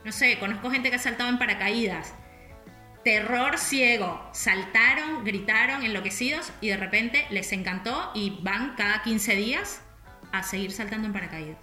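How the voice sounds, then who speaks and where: A woman's voice: a little high, expressive, moderate pace, pushed and bright. A woman with a Rioplatense Spanish accent, chatting in a casual, reflective way and full of little fillers as she thinks aloud. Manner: chatty, with many "o sea" and "no sé" fillers. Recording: echoey room, faint music.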